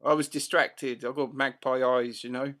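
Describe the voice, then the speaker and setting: A man's voice: mid-range voice, level tone, moderate pace, fairly bright tone. A man hosting an open mic live stream with playful, jokey, teasing banter.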